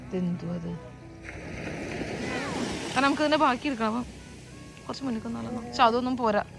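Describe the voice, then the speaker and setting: A woman's voice: on the high side, lively intonation, brisk, vocal fry, music in the background. A Malayali woman vlogging casually outdoors, mixing English words into her Malayalam. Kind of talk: casual vlog narration. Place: outdoors at a beach campsite. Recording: noisy outdoor ambience.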